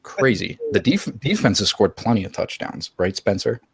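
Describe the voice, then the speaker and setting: A young man with a lowish voice hosts a comedic fantasy football chat, gloating over his win and hamming it up with mock drama. His voice is close and dry, with no room sound around it. He talks in a theatrical, trash-talking way. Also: very animated, normal speed, breathy edge, no room sound. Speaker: podcast host.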